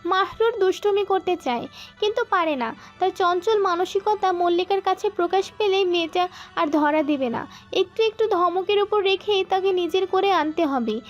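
The narrator of this scripted romance is a woman with a very high, girlish-pitched voice. Soft music plays beneath her, and the sound is a little dull and lo-fi.

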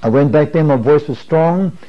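A man in his fifties giving an earnest, measured podium speech as a preacher, teaching with rhetorical questions. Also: a little high. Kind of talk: sermon as podium speech, teaching at a camp meeting. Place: small wood-panelled room, standing at a desk. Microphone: lapel or pocket-clipped microphone. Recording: muffled lo-fi 1980s videotape.

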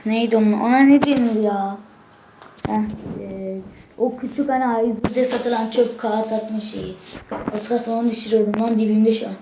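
A woman hosting a gaming channel, chatting casually to viewers from a room at home, excitable and swearing as she gets frustrated. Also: a little high, moderate pace, background noise. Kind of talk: casual gameplay commentary.

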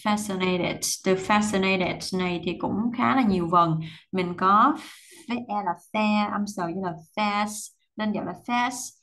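A woman teaches English pronunciation in a mid-pitched voice. She reads sentences aloud and then breaks words down syllable by syllable, repeating each one slowly and carefully. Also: a bit bright, low-quality recording. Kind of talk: language lesson, reading and breaking down English sentences.

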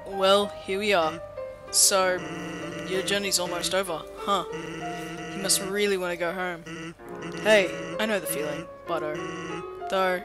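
A man's voice: high-pitched, close to an everyday voice. A man voicing a laid-back male skeleton sentry, telling jokes in an easygoing drawl while reading game dialogue. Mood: musing. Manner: easygoing, drawling joke-teller. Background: game music.

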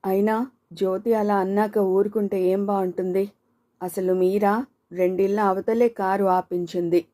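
Woman narrator, audiobook storytelling, steady and measured, warm dark tone. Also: mid-range voice.

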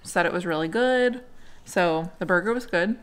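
A woman's voice: fairly low pitch, normal speed, smooth. An American woman in her thirties giving a casual, conversational food review at home. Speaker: food and travel vlogger. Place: small living room at home, indoors on a couch.

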